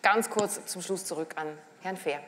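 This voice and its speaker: A woman in her forties with a Swiss German accent, moderating a panel in a brisk manner. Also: lowish voice, fairly bright tone. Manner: brisk, wrapping up with laughs. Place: large hall stage. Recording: long hall reverb.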